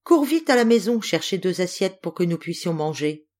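A woman voicing a cunning, clever female tortoise who talks in a slow, sly, teasing way in a storybook reading. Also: lowish voice, sing-song, a little mellow. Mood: scheming.

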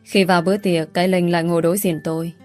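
A woman narrating a first-person story in a measured, even way. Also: lowish voice, faint music behind.

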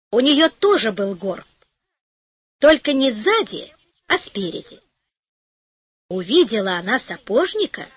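A woman narrating a fairy tale for an audiobook, gentle and expressive. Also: high-pitched, no room sound. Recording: dry studio audiobook.

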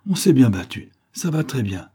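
A man's voice: medium pitch, moderate pace, slightly rough, voice pushed up. A man doing a boisterous young American. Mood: exuberant. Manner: loud, laughing, excitable.

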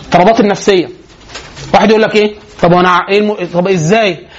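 A man with an Egyptian accent giving a religious lecture on parenting, telling lively stories and laughing often. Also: high-pitched, very fast, highs cut off, slight background noise. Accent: Egyptian Arabic.

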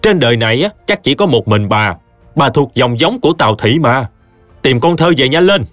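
A man's voice: mid-range voice, sing-song, moderate pace, dry recording, soft background music, lightly acted. A man doing a stern scornful village chief. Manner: commanding and contemptuous.

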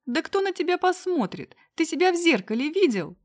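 A woman voicing a hysterical, spoiled young woman who squeals insults in a high, loud voice. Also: very animated, fairly quick. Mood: shrieking scorn.

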